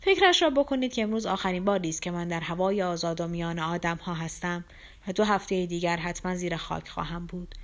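A woman voicing a gravely ill young man who speaks quietly in a hoarse, near-whispering voice, in an audiobook reading. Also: on the low side, natural voice. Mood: weary. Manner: quiet and slow.

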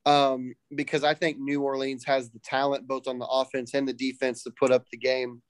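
A man co-hosting a casual podcast chat, speaking haltingly as he thinks out loud. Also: mid-range voice, flat delivery, clean tone, no echo. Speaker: podcast co-host.

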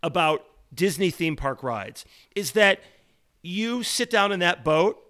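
Man, casual podcast chat, eager, high voice, bright tone. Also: lively intonation, takes it slowly, smooth. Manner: enthusiastic, tells corny jokes. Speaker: podcast co-host.

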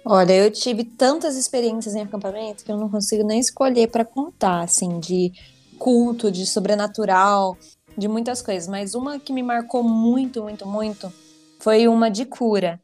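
A woman with a Brazilian Portuguese accent, telling a personal story in a casual chat, lively and quick to laugh. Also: mid-range voice, faint music behind.

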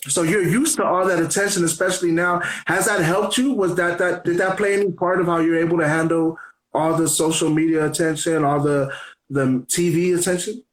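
A man's voice: a little high, fairly even intonation, fairly quick, rough recording. A man in his thirties hosting a casual interview, talking loosely with many restarts and filler words. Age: 30s. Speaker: podcast host.

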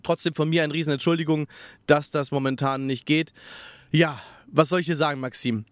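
A young man talks upbeat and loose, filling his sentences with hesitations and starting over often. His voice sits a little high. The sound is dry and close, with no room around it. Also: fairly even intonation, fairly quick, dry recording. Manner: filler-heavy, restarting, upbeat. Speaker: podcast co-host. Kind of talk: casual chat. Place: inside a camper van at a festival.

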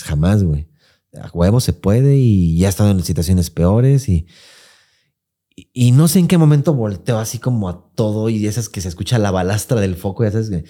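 Slangy young Mexican man, low mellow voice. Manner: profane, slangy storytelling with many filler words. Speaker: podcast host. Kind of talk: casual podcast chat.

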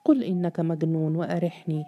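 A woman voicing a furious, contemptuous male estate overseer who shouts insults and interrogates sharply. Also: low voice, fairly even intonation, fairly quick, muffled recording. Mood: enraged.

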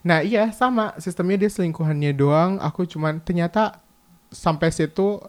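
A man's voice: sits high, normal speed. A young man telling a painful personal story in a casual, emotional way. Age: young adult. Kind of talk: casual confessional chat.

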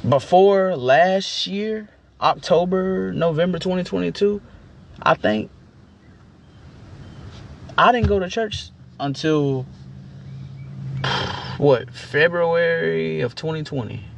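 A young man with a gravelly voice giving a casual, opinionated rant in a slangy, rambling, emphatic way, repeating his phrases. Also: a little high, slow, long pauses. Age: young adult. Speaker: commentator giving personal opinions.

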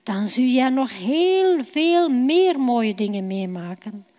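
A woman voicing a kind, gentle male teacher in a children's Bible story. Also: a little high, lively intonation, takes it slowly. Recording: long church hall reverb.

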